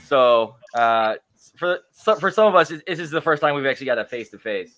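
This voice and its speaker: A man's voice: medium pitch, animated, a little fast, a bit bright, no room sound. A man hosting a casual group video chat, chatty and stumbling over restarts.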